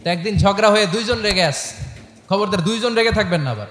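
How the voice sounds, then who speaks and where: Guy preaching a sermon, high voice, lots of echo off the speakers. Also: quick pace. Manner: animated, rhetorical questions to the crowd, playful asides. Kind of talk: sermon with storytelling. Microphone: microphone through loudspeakers. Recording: echoey public-address sound with long reverb and faint noise.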